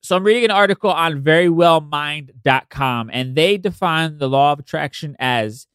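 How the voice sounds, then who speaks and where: A man's voice: a little high, moderate pace, a bit bright, clear, resonant tone, dry recording, clean studio sound. Nasal, stuffed-up man hosting a casual podcast. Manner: informal, sweary, conversational asides. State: congested from allergies. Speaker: podcast host.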